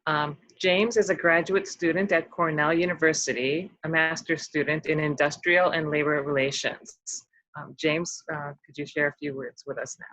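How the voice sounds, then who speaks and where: A host presenting scholarship awards at an online ceremony, pausing often with ums and slightly losing their voice. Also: mid-range voice, steady tone, pushed and bright, no room sound, rough recording. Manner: halting, many ums.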